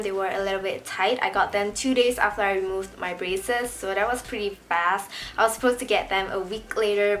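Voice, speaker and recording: A woman's voice: mid-range voice, fairly bright tone, a little hiss or hum. A young adult woman talking casually as a vlogger, sharing personal experience in an informal way. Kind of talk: casual chat to camera.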